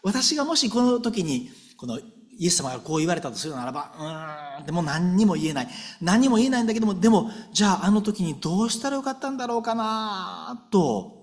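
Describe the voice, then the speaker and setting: A man's voice: high voice, fast, few pauses. A man preaching a sermon in a conversational way, often checking in with his listeners and acting out prayers as he speaks. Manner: conversational preaching with frequent tag questions to the congregation; animated and expressive, acting out prayers aloud. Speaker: pastor.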